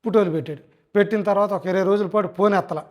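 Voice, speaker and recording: A man talks quickly in a fairly high voice. He tells his account in a hurried, repetitive way and keeps politely addressing the interviewer as sir. It sounds like an unscripted interview. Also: fairly even intonation. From Andhra Pradesh. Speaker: fraud victim. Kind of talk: casual recounting interview.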